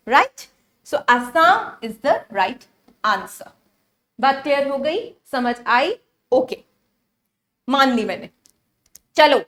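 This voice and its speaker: A woman teaching an exam-prep lesson in a high, bright voice. She drills memory tricks over and over and keeps asking her students whether they follow. English phrases slip into her explanations as she goes. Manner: repeats memory tricks, checks understanding with quick questions.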